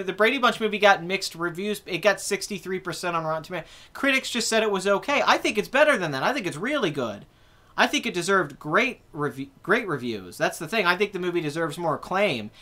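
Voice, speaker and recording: A man's voice: high voice, sharp tone. A man in his twenties hosting a casual live chat about movies, rambling and correcting himself as he answers viewer comments. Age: 20s. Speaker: host.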